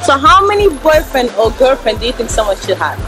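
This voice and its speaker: A bubbly young woman with a high, lively voice co-hosts a street interview outdoors, laughing easily as she quizzes people. Music runs under the street sound. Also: a little fast. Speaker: guest co-host.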